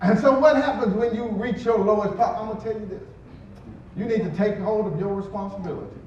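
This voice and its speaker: A man's voice: sits high, a little fast, a little mellow, lo-fi sound, a little hiss or hum. A man preaching a sermon as pastor, conversational, acting out quotes and chuckling as he goes. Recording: echoey church hall from a distant mic.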